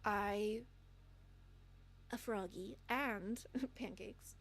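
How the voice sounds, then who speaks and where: A woman's voice: medium pitch, drawn-out words. A woman livestreamer giving candid, earnest advice to her live chat, with many ums.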